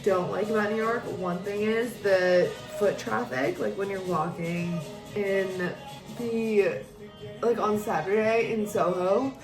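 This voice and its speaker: A woman's voice: mid-range voice, takes it slowly. A woman in her twenties, drunk and giggly, chatting casually and effusively with a friend, rambling and swearing freely. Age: 20s. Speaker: vlogger doing a drinking makeup challenge. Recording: echoey room, music behind.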